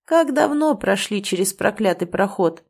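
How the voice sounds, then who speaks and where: A woman voicing a very old male wolf-shifter bookseller who talks slowly, dryly and gruffly. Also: medium pitch, lively intonation. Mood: wry.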